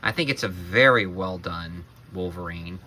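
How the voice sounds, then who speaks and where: A man hosting a casual action figure review, excitable and exclaiming over every detail he shows. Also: low-pitched, normal speed, slight background noise. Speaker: toy reviewer, channel co-host.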